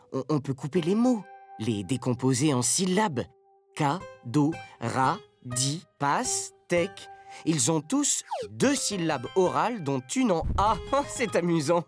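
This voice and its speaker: A man playing an excitable male puppet presenter in a children's educational show, talking in a dramatic, exclamatory way. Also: a little high. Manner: exclamatory, sing-song, dramatic.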